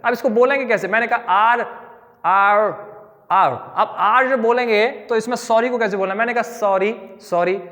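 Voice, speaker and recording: High-voiced Indian man teaching English. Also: fairly quick, few pauses, a bit bright, long reverb tail. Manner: addresses viewers as dear children, drills sounds by repeating them. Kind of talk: spoken English lesson.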